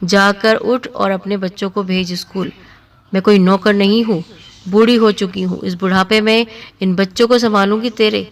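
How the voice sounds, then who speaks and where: A woman's voice: medium pitch, fairly even intonation, close to an everyday voice. A woman voicing a harsh, spiteful elderly mother-in-law who talks scornfully and bossily. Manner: scornful, bossy.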